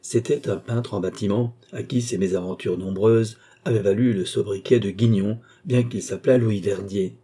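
A middle-aged man reading an audiobook as narrator, in a measured, steady way. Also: fairly low pitch, husky. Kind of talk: scripted narration.

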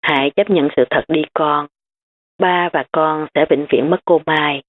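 A woman reading the lines of a gentle, grieving young father comforting his daughter in an audiobook. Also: low-pitched, steady tone, a little slow. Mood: soothing. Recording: tinny phone-like sound.

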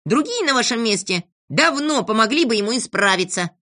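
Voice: mid-range voice, animated, brisk, sharp tone, pitched above the performer's own voice. A storybook reader voicing a little girl who reasons firmly with the boys. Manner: reasoning, firm. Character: sensible reproving little girl.

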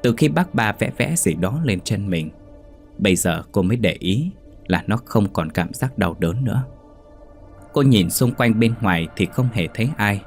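A man narrating a horror story in a steady, measured storytelling voice. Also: lowish voice, soft background music.

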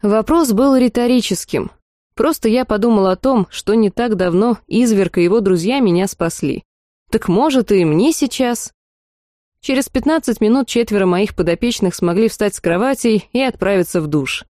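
A woman narrating a first-person fantasy audiobook in a lively, wry storytelling manner. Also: mid-range voice, moderate pace, no room sound, clean studio sound.

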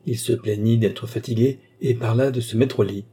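Dark husky male audiobook narrator. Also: medium pitch, fairly even intonation, normal speed. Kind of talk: scripted narration.

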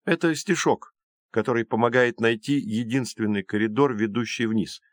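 A man voicing a calm, clever red-haired boy who sounds sure of himself. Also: mid-range voice, normal speed, dry recording, studio quality, natural voice. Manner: calm, knowing.

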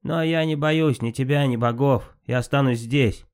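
A defiant male fire god of myth, full of scorn and mockery, voiced by a man reading the tale aloud. He speaks higher and louder than the reader's own voice, taunting gods to their faces. A storybook performance of a spiteful trickster. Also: normal speed, clear, resonant tone, lightly acted. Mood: defiant, mocking. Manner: mocking, defiant.

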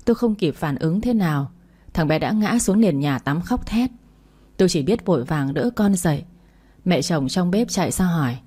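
Low, mellow woman narrating. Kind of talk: first-person story narration.

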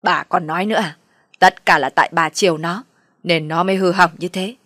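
Woman playing a furious old father, shouting, stern, low voice, dry sound. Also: fairly even intonation, a little fast, no echo. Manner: loud angry shouting.

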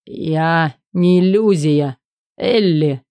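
A woman's voice: low-pitched, extremely slow, dark tone, clear, resonant tone, dry recording. A woman voicing a desperate young man in an audiobook, speaking in an urgent, insistent way. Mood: earnest insistence.

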